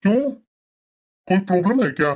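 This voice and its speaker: A woman's voice: mid-range voice, lively intonation, brisk, voice pushed down, lightly acted. A woman putting on the voice of a bossy male office boss who gives orders casually. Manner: commanding, casual. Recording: dull lo-fi sound, off-mic.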